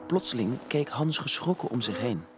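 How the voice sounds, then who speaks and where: Guy reading a kids story, pitch moving all over, soft music under it. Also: normal speed. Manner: expressive, lively reading. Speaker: narrator. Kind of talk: storybook narration.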